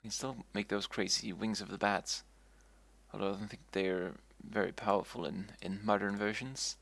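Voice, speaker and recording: A man's voice: fairly low pitch, little pitch movement, moderate pace, gravelly, fairly bright tone. A man streaming a game, talking casually in a rambling way and often repeating and restarting himself. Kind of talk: casual gameplay commentary.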